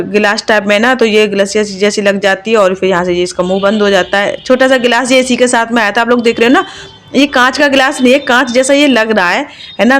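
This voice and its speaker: A woman and mother narrating her own home vlog in a chatty, confiding voice-over, with lots of fillers. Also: medium pitch. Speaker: vlogger, mother.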